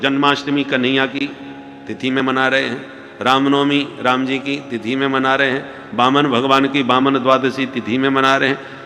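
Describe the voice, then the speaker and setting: A man's voice: on the high side, sharp tone. A man telling a devotional religious story as a sermon, slipping into folk dialect for the characters and chanting refrains. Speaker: kathavachak. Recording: hall reverb with music.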